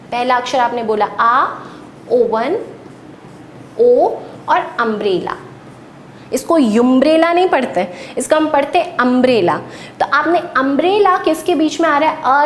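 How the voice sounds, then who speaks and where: A female teacher delivers a patient classroom lecture, answering her own questions. The room is echoey with a faint rumble.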